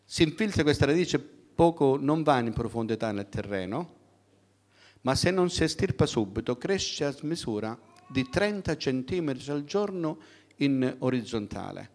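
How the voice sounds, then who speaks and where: The preacher, a middle-aged man with an expressive, somewhat mellow mid-range voice, talks to his congregation in a plain, conversational way. Rhetorical questions come often, each followed by a pause for the listeners to respond.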